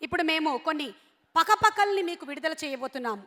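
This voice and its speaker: A female event anchor welcomes guests from the stage. Her voice is very high and formal. Long reverb fills the hall. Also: lively intonation, fairly quick, sharp tone. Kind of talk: stage announcing.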